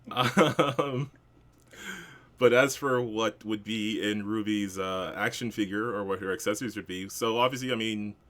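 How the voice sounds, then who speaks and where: A man with a fairly low voice. He talks informally, like a player chatting with friends at the table. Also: measured pace, a bit bright. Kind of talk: casual chat.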